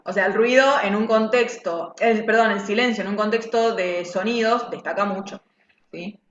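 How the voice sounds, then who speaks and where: A woman's voice: mid-range voice, steady tone, normal speed, a little hiss or hum. A woman teaching music, explaining patiently and checking the class follows. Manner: patient, explanatory, asks "¿sí?" often. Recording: echoey, dull lo-fi sound.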